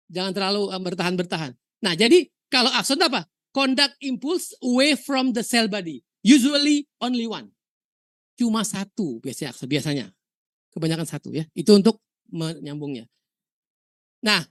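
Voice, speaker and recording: A woman from Indonesia teaching a university histology lecture, telling lively stories, asking rhetorical questions and dropping in English terms. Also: mid-range voice, dry recording, clean studio sound. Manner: mixes English terms into explanation.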